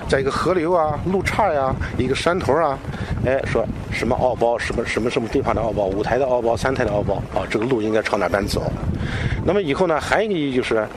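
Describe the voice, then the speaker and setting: A man speaking as a local guide, explaining things off the cuff to an interviewer in a halting, repetitive way. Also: mid-range voice. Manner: halting, repeats phrases, frequent filler particles. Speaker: local culture expert and guide. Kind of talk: unscripted explanatory talk to an interviewer. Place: outdoors. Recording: noisy outdoor location recording.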